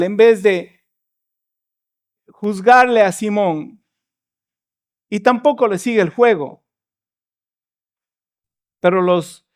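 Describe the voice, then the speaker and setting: A man preaching a sermon in church, retelling a Bible story and acting out its dialogue. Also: high-pitched. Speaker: pastor.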